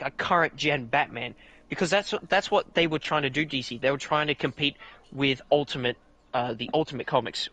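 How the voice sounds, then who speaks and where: A man hosting a podcast, telling a rambling story in casual chat, swearing a lot and restarting his sentences. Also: lo-fi sound. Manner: excitable, profane storytelling with restarts; leaps to much higher pitch when outraged. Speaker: podcast host.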